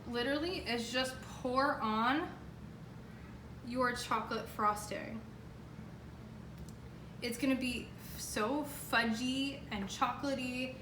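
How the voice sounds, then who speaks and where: A woman giving a casual, chatty home cooking demonstration in a kitchen, talking in an emphatic, exclamatory way. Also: on the high side. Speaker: home baking show host. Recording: roomy, distant mic, clear background noise.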